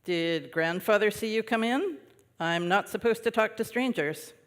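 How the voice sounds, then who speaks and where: A man's voice: high-pitched, moderate pace, clear, resonant tone, voice pushed up, lightly acted. A man voicing a small, upset and stubborn boy in a story read aloud, his words pleading and tearful. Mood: wary. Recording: long reverb of a worship hall.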